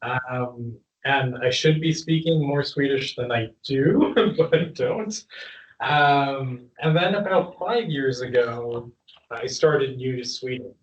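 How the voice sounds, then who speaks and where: A Canadian man in his thirties speaking to a live audience as the guest, chatty and relaxed, laughing now and then. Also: medium pitch, takes it slowly. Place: room with an audience. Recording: dull, roomy sound from a distant mic.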